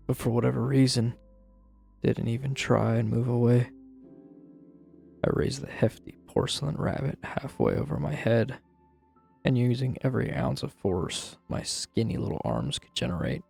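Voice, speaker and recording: A man voices a troubled, guilt-ridden narrator confessing a grim childhood memory, brooding and dramatic in a horror-story style. His gravelly, husky voice is medium-pitched and darkish, in full character, with music in the background.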